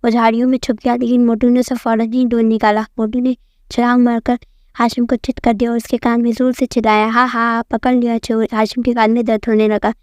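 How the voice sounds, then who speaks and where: Female story narrator, friendly to viewers; even tone, dry close mic. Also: fairly high pitch, no echo. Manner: addresses viewers directly, friendly.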